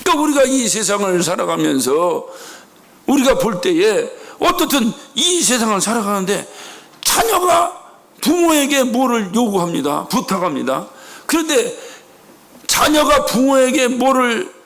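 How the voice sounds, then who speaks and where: A man's voice: extremely high pitch, big pitch swings, a little slow, fairly bright tone. A middle-aged man preaching a sermon as a church pastor, emphatic, with rhetorical questions and acted-out quotes. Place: church sanctuary.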